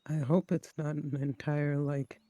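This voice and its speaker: A man's voice: on the high side, little pitch movement, measured pace, warm tone, dry recording, dull audio. A man playing a tabletop role-playing game, chatting casually as a player.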